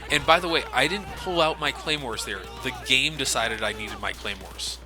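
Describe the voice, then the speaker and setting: With music and loud video game gunfire behind him, a let's play commentator speaks at normal speed in a medium-pitched voice. He explains what's going on casually and swears a great deal.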